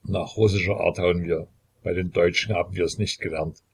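Man voicing a gruff, grumbling executioner. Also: deep voice, steady tone, normal speed. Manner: grumbling, defiant. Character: gruff, stubborn male executioner, pious and sullen.

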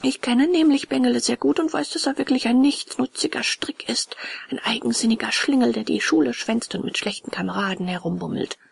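A woman voicing a naughty young wooden puppet boy in a storybook, with a high, raspy voice. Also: expressive, moderate pace, no echo, heavily acted. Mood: anxious.

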